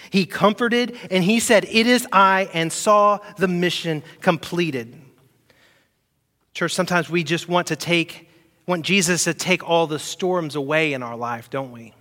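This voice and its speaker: Male pastor, fairly high voice, preaching from the pulpit; loud emphatic peaks and hushed asides, rhetorical questions to the church. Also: long reverb tail. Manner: swings between loud emphatic peaks and quiet, soft asides; asks the congregation rhetorical questions. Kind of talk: sermon.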